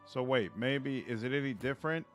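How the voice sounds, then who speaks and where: A man's voice: medium pitch, normal speed, a bit bright, faint music behind. A man streaming a video game, giving casual live commentary, thinking aloud and often trailing off.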